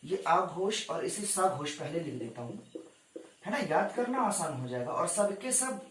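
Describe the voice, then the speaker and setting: A man's voice: high-pitched, big pitch swings, a little slow, a bit bright, echoey room, distant mic, slight background noise. A man teaching an exam-prep grammar lecture, addressing his students respectfully as he explains step by step. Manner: addresses students as "sarkar", counts down for screenshots.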